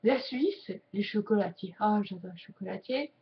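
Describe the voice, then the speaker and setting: A woman chatting casually to camera as a sign language YouTuber, joking and slowing her words as she signs. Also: medium pitch, expressive. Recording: dull lo-fi sound.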